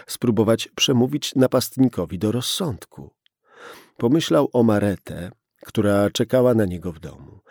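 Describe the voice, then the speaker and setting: A man narrating a crime audiobook in a slow, measured delivery. His voice is low and gravelly with a dark tone. The recording is dry and close. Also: dry recording. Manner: measured, tense.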